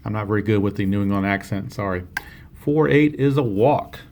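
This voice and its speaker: A man's voice: on the low side, fairly quick, a little mellow, a little hiss or hum. A man giving play-by-play commentary on his own tabletop baseball game, steadily explaining each roll and correcting himself now and then.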